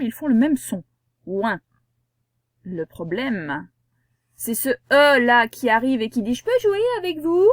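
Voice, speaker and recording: A woman teacher giving a reading lesson to young children, patient and slow, spelling out sounds one by one. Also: fairly high pitch, no room sound, studio quality. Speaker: primary school teacher.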